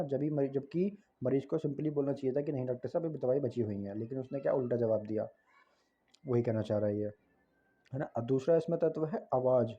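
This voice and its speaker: A man's voice: mid-range voice, husky, dull audio. A man teaching a lesson in a casual, explanatory way, often asking "right?" and correcting himself as he goes. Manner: conversational, frequent tag questions and self-corrections. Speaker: tutor.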